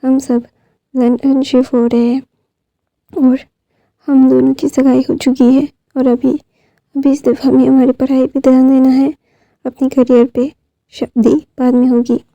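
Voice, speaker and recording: A woman voicing a young man, a doting fiancé who talks in a soft, coaxing way. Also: high voice, little pitch movement, measured pace, long pauses, no echo, dull audio.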